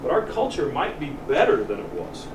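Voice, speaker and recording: An American man, a college team coach, giving an earnest, deliberate pep speech to his players in the locker room, pausing for emphasis. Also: fairly high pitch, wildly swooping pitch. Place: locker room, heard from a distance. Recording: echoey distant room recording with loud noise.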